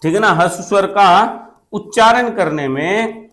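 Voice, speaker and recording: A man with a fairly high voice teaches grammar for a competitive exam. He repeats key points, poses questions and answers them at once, and keeps checking in with the class. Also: expressive, slow pace, creaky, fairly bright tone. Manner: repetitive, asks questions and answers them himself, often checks with "theek hai na". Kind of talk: exam-prep classroom lesson.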